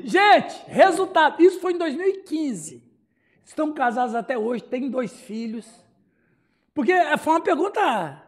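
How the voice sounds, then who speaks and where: A man's voice: extremely high pitch, a little slow. A man with a Brazilian Portuguese accent, a pastor giving a Bible study sermon, telling stories and acting out the dialogue with laughs. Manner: animated storyteller who acts out dialogue and laughs often.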